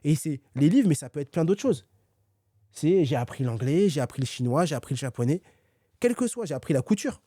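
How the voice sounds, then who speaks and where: Man, podcast guest author, mellow tone, fairly high voice, dry close sound, lots of hesitations. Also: brisk, dry recording. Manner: energetic, many fillers and restarts. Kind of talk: conversational podcast dialogue.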